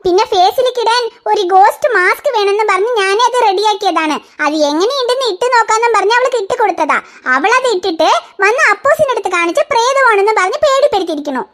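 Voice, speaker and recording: A woman's voice: extremely high pitch, animated, fast talker, fairly bright tone. A woman voicing a fussing cartoon mother who scolds in an exasperated way. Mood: explaining. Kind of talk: cartoon voice acting.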